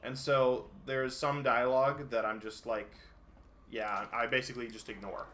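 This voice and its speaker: A man's voice: mid-range voice, flat delivery, normal speed, a bit bright, a little hiss or hum. A man giving casual gameplay commentary as a streamer, chatty and explanatory. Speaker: gaming streamer.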